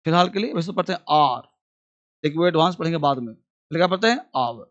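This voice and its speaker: A high-voiced man teaches a beginners' grammar class. He keeps asking the class questions and answering them himself. He repeats each phrase slowly so students can copy it down. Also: animated, a bit bright, muffled recording.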